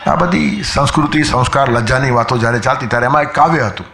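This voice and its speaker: Background noise accompanies a man speaking fast at a middle pitch with a roomy echo. A spiritual speaker, he tells his discourse like a story, quoting old verses and occasionally voicing the characters in his anecdotes.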